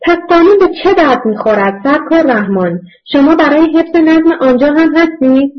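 A desperate young woman begs and argues with the police, as a woman reader puts her on. Her voice rises above the reader's usual pitch. The audiobook recording sounds dull and lo-fi. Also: expressive. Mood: indignant. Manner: pleading, indignant.

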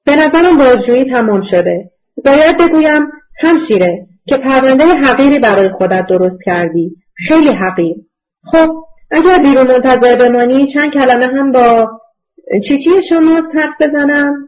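A woman's voice: high-pitched, expressive. A self-important male police officer talks down in a solemn, dignified tone, as a woman reader puts him on. The recording sounds muffled and lo-fi. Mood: condescending. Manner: dignified, condescending. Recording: dull lo-fi recording.

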